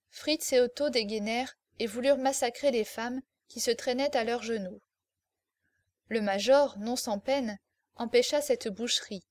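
A woman's voice: on the high side, a little mellow, no room sound. Woman narrating a classic tale, dry sound. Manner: measured, dramatic reading. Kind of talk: audiobook reading of classic fiction.

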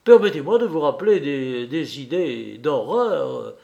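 A man voicing a distressed husband who protests with dignity, in a lower, plaintive tone. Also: very animated, a little slow, creaky, warm tone, dull audio.

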